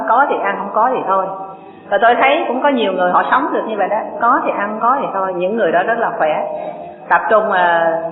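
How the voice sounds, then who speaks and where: Woman teaching dharma, echoey tinny hall. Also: mid-range voice. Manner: folksy, conversational, asks the audience questions. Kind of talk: sermon with storytelling.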